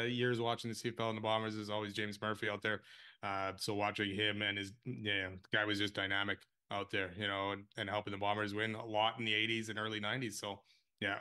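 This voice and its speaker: A man's voice: fairly low pitch, bright, forceful tone, clean tone. A man co-hosting a casual sports podcast, easygoing and often hesitant as he thinks aloud. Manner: easygoing, hesitant with many uh fillers. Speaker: podcast co-host.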